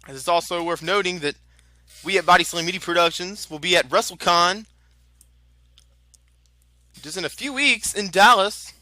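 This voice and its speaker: A male lucha libre announcer with a high-pitched, sharply bright voice, recorded close and dry. He mixes wrestling play-by-play with promotional plugs. His delivery is chatty and informal, given to exclamation. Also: moderate pace, long pauses, no room sound.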